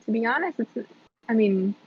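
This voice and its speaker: A woman appearing as a guest content creator, speaking relaxed and trailing off. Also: fairly high pitch, moderate pace, breathy edge, highs cut off. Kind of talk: casual interview chat.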